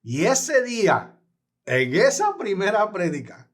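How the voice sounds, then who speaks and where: A man's voice: sits high, very animated, takes it slowly. A man, a guest evangelist telling his personal testimony in an earnest, emphatic way.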